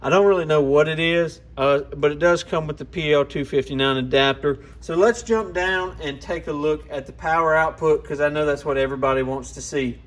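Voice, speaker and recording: This product reviewer and channel host speaks briskly in a higher-pitched male voice, barely pausing. His casual hands-on walkaround is explanatory, plainspoken, and informal.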